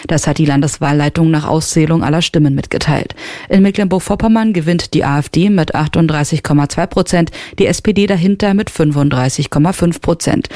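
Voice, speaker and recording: A woman reading the radio news in an even, formal manner. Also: low-pitched, dry recording, studio quality. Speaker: newsreader. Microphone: studio mic.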